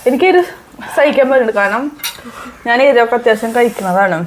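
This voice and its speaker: A woman's voice: a little high, fast, slight background noise. A young woman hosting a casual home vlog, talking in a playful, teasing, upbeat way. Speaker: vlogger host.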